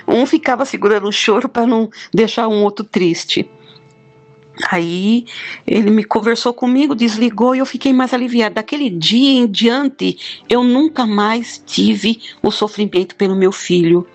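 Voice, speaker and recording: A woman's voice: a little high, moderate pace. A middle-aged woman, giving a heartfelt, plain-spoken personal testimony. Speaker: guest telling a near-death experience.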